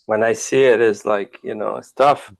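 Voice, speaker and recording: A man hosting a podcast interview, speaking in halting phrases with many restarts and fillers. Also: fairly low pitch, fairly even intonation, creaky, poor audio. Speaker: podcast host. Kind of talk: interview chat.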